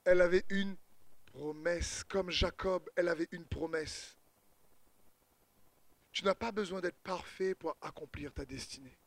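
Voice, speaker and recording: Male preacher, humorous storyteller, high bright voice, dry close sound. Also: unhurried, pauses often, no room sound. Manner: humorous, storytelling, lively retelling of scripture. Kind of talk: sermon.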